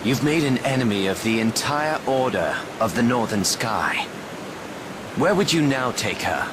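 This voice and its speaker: Delita, a brooding, scheming young commoner. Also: male voice, medium pitch, sing-song, noisy background. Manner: measured, formal old-fashioned speech. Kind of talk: game cutscene acting. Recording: loud music under voice.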